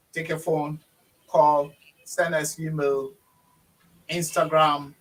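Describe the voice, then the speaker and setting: A man's voice: a little high, fairly bright tone, far from the mic, low-quality recording. A man hosting a conversational interview, speaking emphatically and repeating his phrases. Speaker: talk show host.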